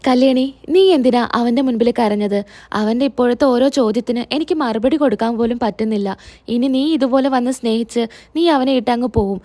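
A woman voicing a gentle middle-aged mother who soothes and reasons with her upset daughter. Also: fairly high pitch, fairly quick, no room sound, lightly acted. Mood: reasoning.

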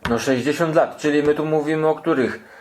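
A man's voice: on the high side, fairly even intonation, brisk, darkish tone, a little hiss or hum. A man casually interviewing his grandmother, asking informal, inquisitive questions with a teasing streak.

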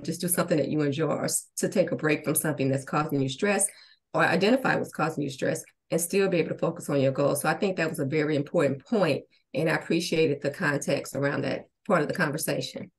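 A woman's voice: low-pitched, quick pace, breathy edge. A woman co-presenting on a webinar over a video call, reflective and appreciative. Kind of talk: casual webinar talk.

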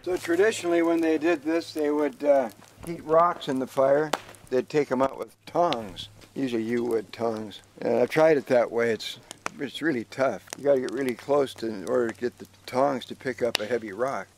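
A man's voice: mid-range voice, moderate pace, slight background noise. An older man, a canoe carver, explaining his methods in plain, practical talk with some fillers, outdoors at a work site. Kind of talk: hands-on demonstration.

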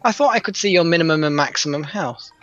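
A man's voice: fairly high pitch, expressive, quick pace, fairly bright tone, highs cut off, soft background music. A man chatting casually while playing a co-op game, exasperated and self-mocking. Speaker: gaming commentator. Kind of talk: casual gaming chat.

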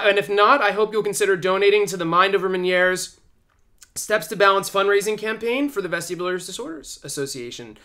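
Vlogger, male, 30s, earnest personal appeal to camera, bright, forward tone, halting with fillers. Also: sits high. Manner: sincere, with frequent fillers and repeated words. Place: small plain room indoors.

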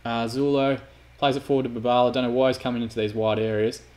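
A man's voice: medium pitch, flat delivery, fast, darkish tone. A man commentating his own football manager game, prone to sweary, exasperated outbursts. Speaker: gaming YouTuber.

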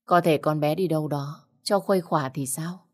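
A woman's voice: low voice, normal speed. A woman reader voicing a worried, grieving elderly mother who blames herself. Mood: sad. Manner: mournful, self-blaming.

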